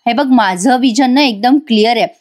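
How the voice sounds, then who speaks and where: A woman's voice: a little high, moderate pace, darkish tone, lightly acted. A woman voicing a spoiled, scheming young wife who wheedles and pleads to get her way. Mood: wheedling.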